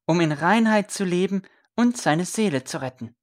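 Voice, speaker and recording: A fervent young man, once a royal scribe, as a woman reader puts him on, speaking earnestly and with pressing conviction. The voice sits a little above the reader's own low register. A storybook figure, zealous and defiant. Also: expressive, moderate pace.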